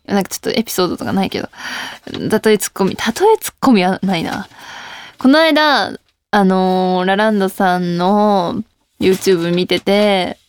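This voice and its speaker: A young woman hosts a casual radio talk show, reading listener mail and playfully mocking herself, laughing often. Her clean-toned voice sits at medium pitch and moves at a moderate pace.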